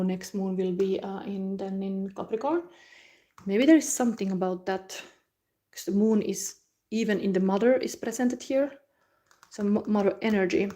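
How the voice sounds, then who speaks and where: A woman from Finland, giving a live tarot reading in a soft, musing way with frequent hums and restarts. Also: medium pitch. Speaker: tarot reader.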